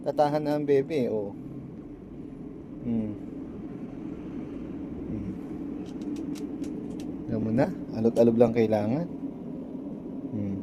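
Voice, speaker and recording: A man as a father, talking soothing baby talk and cooing and hushing a crying newborn. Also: mid-range voice, takes it slowly, long pauses, noisy background.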